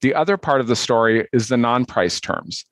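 A man delivers a formal legal argument as an attorney, laying out points in a measured, structured way. His pitch is average and the sound is dry, with no room around it. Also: expressive, fairly bright tone, dry recording. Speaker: appellant's attorney.

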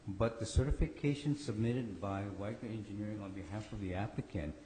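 A man with a hoarse, cold-affected voice giving a formal oral argument as an attorney in court. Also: on the low side, a little fast, mellow. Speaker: attorney arguing for respondents. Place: large echoey courtroom. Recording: echoey hall, faint background noise.

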